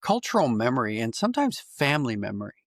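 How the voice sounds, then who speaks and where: Speaking quickly and with great animation, this medium-pitched American man from Pennsylvania is a writer and audio drama producer appearing as a podcast guest. In a reflective interview, he explains his ideas thoughtfully, sometimes repeating phrases as he works through a point. The recording is dry, with clean studio sound.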